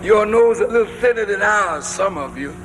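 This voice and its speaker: A male preacher delivering a sermon to a congregation in a large hall, speaking emphatically with drawn-out phrases that rise to shouts. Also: high-pitched, expressive, noisy background. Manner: addresses the congregation directly. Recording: long reverb of a large hall.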